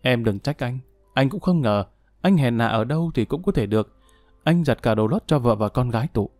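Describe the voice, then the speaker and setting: A man's voice: medium pitch, expressive, moderate pace, a little mellow, no room sound, soft background music, close to an everyday voice. A condemned killer waiting to be shot, gloomy and self-pitying, as a male storyteller plays him. The voice sits in the narrator's own mid-range, read dry and close to the mic. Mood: remorseful. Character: condemned male murderer, remorseful and bleak.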